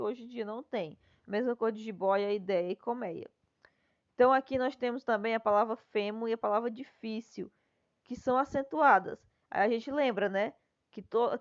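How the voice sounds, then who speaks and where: A Brazilian woman schoolteacher with a Brazilian Portuguese accent, patiently walking her class through the answers to an exercise and checking in with them as she goes. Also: medium pitch. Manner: patient, explanatory, often checks with "né?". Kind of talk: recorded class lesson, explaining answers. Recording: dull lo-fi recording.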